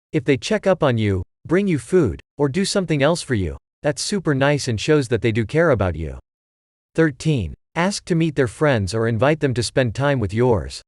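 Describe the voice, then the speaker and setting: A man narrating a scripted advice list in an even, measured way. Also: mid-range voice, dry recording, clean studio sound.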